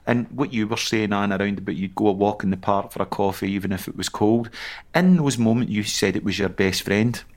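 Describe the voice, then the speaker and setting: Low-voiced man explaining calmly. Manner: explanatory, measured. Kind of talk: casual conversation.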